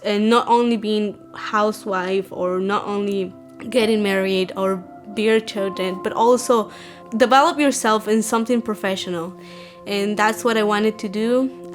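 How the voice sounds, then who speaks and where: Earnest young Guatemalan woman, higher voice. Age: young adult. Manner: earnest, measured, with fillers and restarts. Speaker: student telling her story. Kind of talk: personal testimony.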